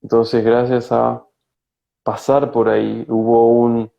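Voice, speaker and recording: A man from Argentina with a Rioplatense accent, a spiritual guide talking slowly and searchingly in an interview, with frequent hesitations. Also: medium pitch, completely flat delivery, gravelly, highs cut off. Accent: Rioplatense Spanish. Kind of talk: reflective conversational interview. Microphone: video call.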